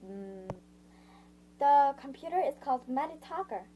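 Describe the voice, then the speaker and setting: Her voice is high and warm with a lively lilt, though the audio is poor and carries a little hiss or hum. She reads a novel in the first person in an amateur, halting way, stumbling, starting lines over and breaking off to summarize parts herself.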